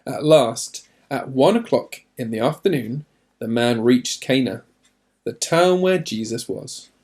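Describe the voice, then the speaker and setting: A man reading a children's storybook aloud in an expressive narrating style, with deliberate emphasis. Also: medium pitch.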